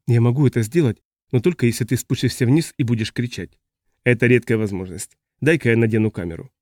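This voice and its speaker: A man's voice: mid-range voice, fast talker, a little mellow, no echo, clean studio sound, close to an everyday voice. A man voicing a poised, cool-headed woman scientist in an audiobook reading.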